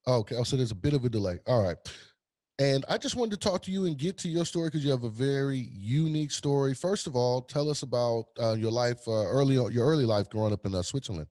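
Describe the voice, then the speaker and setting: A man's voice: mid-range voice, expressive, fast talker, warm tone, no echo. A man co-hosting a podcast, asking a guest about her life in a chatty way with frequent restarts. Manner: chatty, stumbling restarts and laughs. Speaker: podcast co-host. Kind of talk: casual interview hosting.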